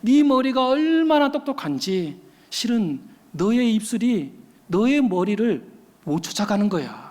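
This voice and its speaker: A man's voice: very high-pitched, full character voice. A man voicing a tender mother who soothes and reassures her crying young son. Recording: long hall reverb.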